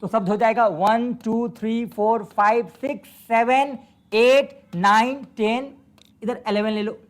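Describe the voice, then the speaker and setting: An Indian-accented man teaches grammar as a classroom lecture. He drills his students by saying key words slowly and repeating them. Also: very high-pitched, steady tone.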